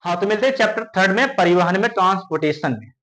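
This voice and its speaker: A man with a Bihari Hindi accent teaches a school science class, his voice sitting high for a man. He keeps asking the class a question and answering it himself. He calls his students dear children. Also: animated, quick pace, pushed and bright, rough recording. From India. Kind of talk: classroom lesson.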